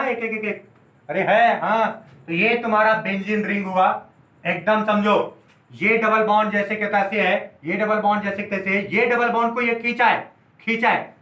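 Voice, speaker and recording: A high-voiced man teaches chemistry at a whiteboard and keeps asking whether his students follow. He explains with playful everyday stories and slows right down to dictate notes. The sound is roomy and echoey. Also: bright, forceful tone. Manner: repeatedly checks students follow.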